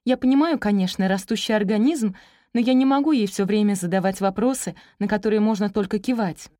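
A woman's voice: mid-range voice, fairly quick, dark tone, no room sound, clean studio sound, voice pushed up, close to an everyday voice. A woman voicing a flustered, eager young female teacher in an audiobook story, talking in a nervously cheerful, babbling way. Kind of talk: audiobook character reading.

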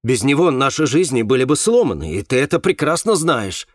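Audiobook: reader doing an insistent man, lively pitch. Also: fairly quick, no echo, studio quality, close to an everyday voice. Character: firm man defending a friend.

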